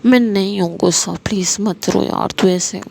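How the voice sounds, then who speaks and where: A woman's voice: mid-range voice, normal speed, vocal fry, darkish tone, slight background noise, lightly acted. Woman voicing Tara, a stern caring friend. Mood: soothing.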